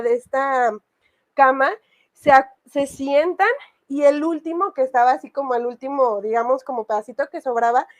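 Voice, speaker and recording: A woman casually telling a personal horror story, rambling with many fillers. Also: sits high. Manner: rambling, full of fillers and restarts.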